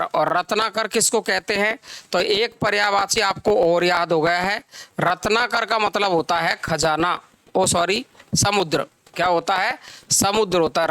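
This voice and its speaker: A man teaching grammar, repeating phrases slowly for dictation and asking and answering his own questions. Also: high-pitched, pushed and bright, dry recording. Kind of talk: classroom lecture.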